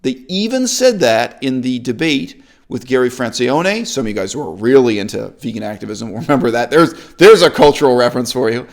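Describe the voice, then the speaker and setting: A man giving an opinionated, sarcastic monologue as a channel host, emphatic and animated. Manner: sarcastic, emphatic, lively swings of pitch. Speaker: YouTube commentator.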